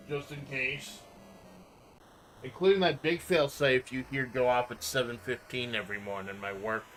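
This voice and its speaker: Bright-voiced laid-back man streaming. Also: medium pitch, low-quality recording. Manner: laid-back, swears freely; mumbles at times. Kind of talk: casual live-stream chat.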